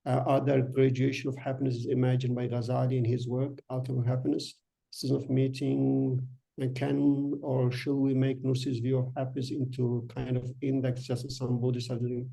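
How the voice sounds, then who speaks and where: A man's voice: mid-range voice, completely flat delivery, normal speed, vocal fry, mellow. A man answering audience questions in an online session, talking hesitantly as he searches for his words. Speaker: guest speaker.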